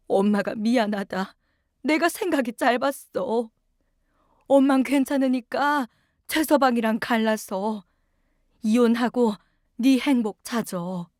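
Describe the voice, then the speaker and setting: A woman voicing a frail elderly mother just waking from a coma, speaking weakly, slowly and tenderly. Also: on the high side, no room sound, studio quality. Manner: weak, slow, tender. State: weak, just awakened.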